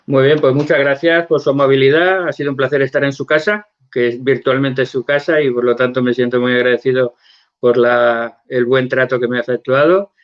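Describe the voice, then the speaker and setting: Man from Valencia, earnest guest, repeats words as he thinks, mid-pitched voice, muffled lo-fi video call audio. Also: little pitch movement, brisk. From Valencia, Spain. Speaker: guest apologist. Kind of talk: online interview, testimony.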